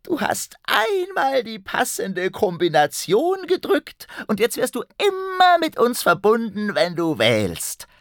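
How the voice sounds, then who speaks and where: A man voicing a smug little goblin that lives in mobile phones, speaking high and excited in a storybook reading. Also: slow, few pauses, dry recording, studio quality, full character voice. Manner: high, excited, pleased with itself.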